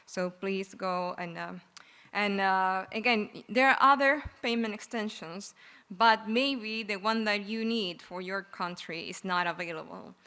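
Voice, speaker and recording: A woman from Argentina giving a relaxed, chatty live tech talk on a conference stage. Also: mid-range voice, measured pace, smooth. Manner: relaxed, chatty, laughs easily. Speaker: conference speaker.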